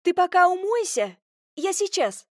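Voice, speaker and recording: A woman voicing a bustling, scheming middle-aged village woman who talks in quick, exclamatory bursts. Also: very high-pitched, very animated, no room sound, studio quality, voice pushed up, exaggerated voice. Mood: fussy. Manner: fast, fussy, exclamatory.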